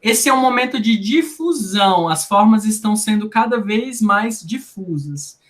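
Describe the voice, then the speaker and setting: A linguistics researcher from Brasília, Brazil, speaks Portuguese with a Brasília accent in a conversational interview, explaining didactically and using many tag questions. Her medium-pitched voice is expressive, at a moderate pace.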